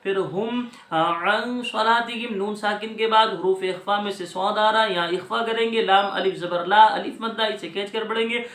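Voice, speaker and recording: Bright-voiced male recitation teacher, echoey. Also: high voice, steady tone. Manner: explains letter by letter, brisk and patient. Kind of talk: spelling out recitation rules.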